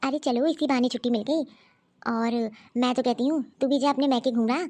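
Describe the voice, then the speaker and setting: A woman voicing a scheming, bossy young sister-in-law in an animated cartoon story, coaxing and ordering others about. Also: high-pitched, fairly quick.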